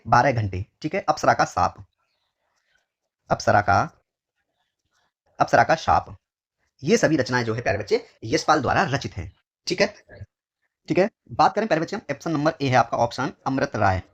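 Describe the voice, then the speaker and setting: An Indian man who teaches Hindi for exams works through test questions at a medium pitch, with the high frequencies cut off. He says each phrase slowly and more than once, addresses his students as dear children, and lowers his voice on every answer word.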